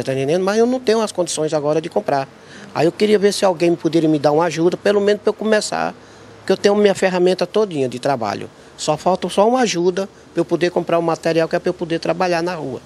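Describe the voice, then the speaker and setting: A man's voice: on the high side, fast talker, vocal fry, a little mellow, slight background noise. A middle-aged man from Bahia with a Bahian accent, pleading earnestly for help into a reporter's handheld mic outdoors. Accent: Bahian Portuguese. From Bahia, Brazil. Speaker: interviewee asking for help. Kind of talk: street interview plea. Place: outdoors, by a wall.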